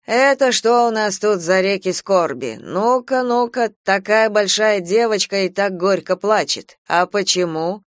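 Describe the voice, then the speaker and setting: A woman voicing a cheerful, self-assured middle-aged man who teases gently. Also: mid-range voice, a little slow, few pauses, dry recording, studio quality, natural voice. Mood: teasing. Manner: jovial, teasing.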